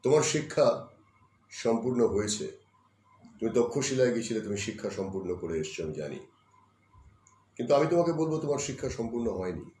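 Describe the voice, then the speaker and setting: A man voicing a calm, wise elderly spiritual teacher, speaking in a measured, admonishing way. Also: medium pitch, a little hiss or hum, close to an everyday voice. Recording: roomy echoey room sound.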